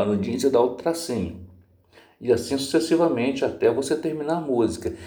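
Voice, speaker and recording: A man's voice: mid-range voice, mellow. A man teaching a guitar lesson, explaining patiently step by step and singing short lines to show each chord change. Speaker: music teacher. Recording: roomy sound, guitar playing under the voice. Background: acoustic guitar.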